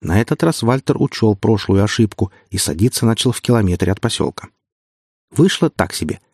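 A man narrating an audiobook in a steady storytelling manner. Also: on the low side, a little fast, husky, no echo, studio quality. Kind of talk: scripted narration.

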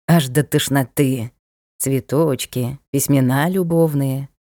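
A woman voicing a sulky sarcastic dark lord. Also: low voice, animated, normal speed, dry recording, clean studio sound. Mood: scornful. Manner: petulant, scornful, bursts into shouting. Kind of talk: audiobook character voice.

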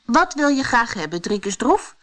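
A woman voicing a cheerful, eager little male forest creature in a storybook, in a high, excited voice. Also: unhurried. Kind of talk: audiobook character voice.

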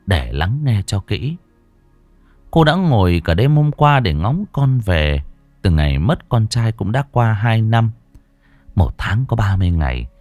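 A man narrating an audiobook story in an expressive, storytelling way. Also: fairly low pitch, no room sound. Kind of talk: scripted narration.

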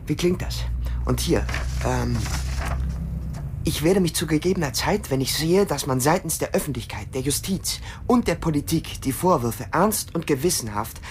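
An actor playing an escaped male killer in a whispered role-play, hushed and coaxing. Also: fairly high pitch, expressive, normal speed, a little hiss or hum, lightly acted. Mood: musing.

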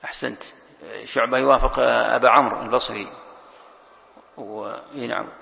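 Gravelly sheikh lecturing in echoing hall. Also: male voice, mid-range voice, fairly even intonation, moderate pace. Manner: explains patiently, repeats key phrases, quizzes students. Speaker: sheikh teaching Quran exegesis. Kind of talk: classroom lecture. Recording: lo-fi lecture recording with long hall reverb.

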